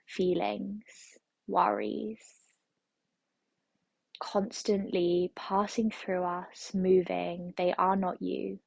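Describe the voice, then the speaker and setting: Woman, yoga teacher, guided meditation, flat even delivery, dry close sound. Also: fairly low pitch, gravelly, breathy edge, no echo. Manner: slow, soothing, repetitive phrasing.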